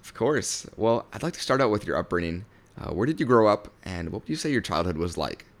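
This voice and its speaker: Man, podcast host, low pitch, polite, scripted opener, short encouraging replies. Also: sing-song, brisk. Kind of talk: podcast interview.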